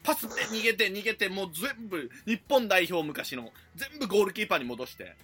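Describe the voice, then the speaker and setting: A man's voice: high voice, a little fast, soft background music. A man with a Kansai accent co-hosting a casual comedy podcast, acting out lines as he retells them. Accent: Kansai Japanese. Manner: animated, acts out quoted lines with loud jumps. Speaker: podcast co-host.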